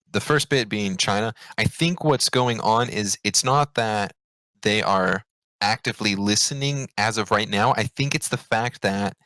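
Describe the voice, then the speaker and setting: A man with a low voice talking casually as a podcast co-host. He gets animated and jumps up in pitch when excited. The sound is dry and close. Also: smooth, no room sound, rough recording. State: hiccups.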